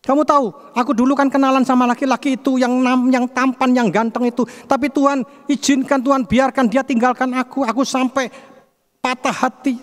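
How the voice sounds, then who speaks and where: Male preacher doing a high, indignant jilted young woman in a sermon story, long hall echo. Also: flat delivery, a little fast. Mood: aggrieved. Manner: indignant, complaining. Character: heartbroken young woman, angry at God.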